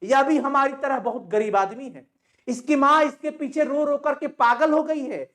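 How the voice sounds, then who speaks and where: A man's voice: very high voice, normal speed, fairly bright tone, pitched above the performer's own voice. A man voicing an anguished poor village mother who pleads and cries out. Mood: pleading.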